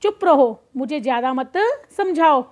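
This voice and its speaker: A woman's voice: high voice, expressive, unhurried, darkish tone. A woman voicing a cunning, bossy female fox who threatens and scolds, in a plain storybook reading. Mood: scornful. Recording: dull lo-fi recording.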